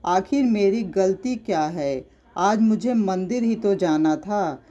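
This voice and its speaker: Narrator voicing a young wife, emotional and demanding, slow and mellow, storybook read. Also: mid-range voice, lively intonation, dull audio. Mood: pleading.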